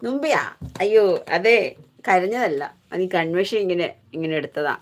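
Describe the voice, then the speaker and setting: Woman streamer from Kerala, warm-hearted chatter, friendly and informal with her viewers. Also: lowish voice, animated, moderate pace. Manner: chatty, affectionate, greets viewers by name. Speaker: YouTube live streamer. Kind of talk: casual live-stream chat with viewers.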